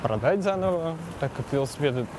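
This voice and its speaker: High and animated, this podcaster talks fast as he pedals through city streets, rambling and hesitating in a casual outdoor monologue. The recording is swamped with loud traffic and city sounds.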